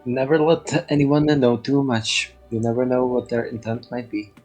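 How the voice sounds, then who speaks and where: A player voicing an awkward, unsociable adventurer who makes slow, cryptic small talk. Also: mid-range voice, level tone, a little mellow, faint music behind, natural voice. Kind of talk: playing a character in a tabletop game.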